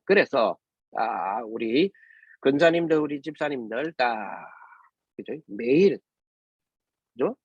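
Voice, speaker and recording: Husky man preaching. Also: medium pitch, no echo. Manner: keeps asking rhetorical questions, tag "right?" after nearly every phrase. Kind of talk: sermon. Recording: dull lo-fi recording, dry.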